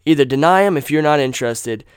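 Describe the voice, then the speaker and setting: Brief: male vlogger, angry swearing rant, smooth clear tone, dry close sound, mid pitch. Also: expressive, fast talker, no echo. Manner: heated, blunt, swears constantly; repeats phrases for emphasis. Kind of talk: profane casual rant.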